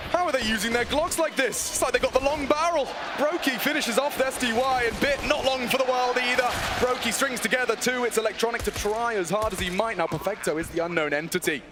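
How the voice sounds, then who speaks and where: A male esports caster with a high-pitched voice calls the play live over music. His delivery is dramatic and excitable, with flowery turns of phrase that build toward shouting. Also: fast, few pauses.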